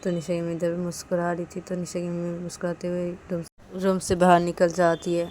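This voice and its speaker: A woman's voice: lowish voice, monotone, brisk, darkish tone, slight background noise. A woman narrating a story in a casual, repetitive way, linking each line with "then she says".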